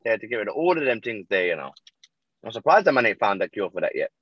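A man's voice: lowish voice, big pitch swings, fast, breathy edge, no room sound, highs cut off. A man with an urban London roadman accent, chatting casually in slangy street style. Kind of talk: casual group chat.

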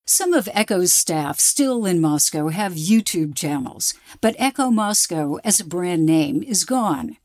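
Female radio documentary reporter, lower register, dry studio sound, scripted narration. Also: expressive, measured pace, few pauses, darkish tone, dry recording.

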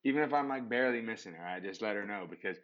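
A man's voice: fairly low pitch, racing, muffled recording, a little hiss or hum. A man in his thirties talking casually as a podcast guest, rambling with many restarts and fillers. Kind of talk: casual interview chat.

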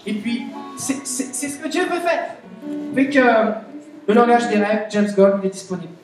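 A woman with a Québécois French accent preaching a chatty, animated sermon, asking the audience questions. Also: fairly high pitch, normal speed. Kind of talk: conversational sermon. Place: church meeting hall. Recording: very echoey hall, voice from a distance. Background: soft guitar music.

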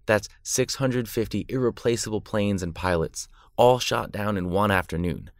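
A man's voice: fairly low pitch, normal speed, vocal fry, dry recording, clean studio sound. A man narrating war history from a script, dramatic with an irreverent edge. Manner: dramatic yet irreverent storytelling.

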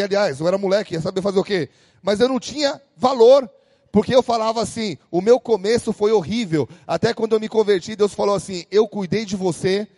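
High-voiced Brazilian pastor preaching. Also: male voice, no echo, long reverb tail. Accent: Brazilian Portuguese. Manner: energetic, calls out to the congregation. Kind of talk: sermon. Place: church hall.

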